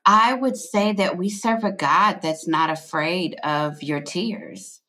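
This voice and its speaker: A woman author who is a guest on an interview, talking in an earnest, expressive way and laughing often. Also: on the low side, slow pace. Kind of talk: conversational interview.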